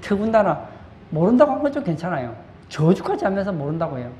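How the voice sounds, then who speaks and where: A man's voice: high-pitched, big pitch swings, quick pace, warm tone. A male pastor preaching a sermon, posing rhetorical questions and answering them, repeating key phrases for emphasis. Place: church sanctuary. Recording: echoey room with faint background noise.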